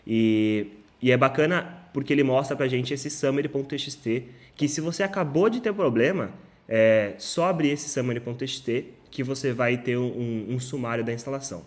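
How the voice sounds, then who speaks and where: A man's voice: mid-range voice, fairly quick. Casual man teaching tech. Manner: casual, many filler "ah"s and self-corrections. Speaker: instructor. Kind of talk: screen-share tech tutorial.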